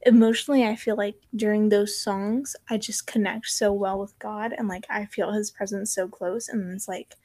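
A young woman guest on a podcast, talking casually and softly, filling her speech with "like". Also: mid-range voice, steady tone, moderate pace, hardly any pauses. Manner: soft-spoken, heavy use of "like".

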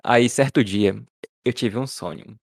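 A man's voice: medium pitch, unhurried, creaky, husky, dry recording. A man with a Brazilian Portuguese accent, co-hosting a podcast in casual chat and often stumbling and restarting his words. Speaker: podcast co-host.

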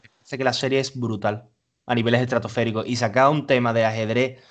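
A man's voice: mid-range voice, steady tone, fast talker. Jokey, rambling Spanish man. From Ceuta, Spain. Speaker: podcast co-host. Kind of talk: casual chat.

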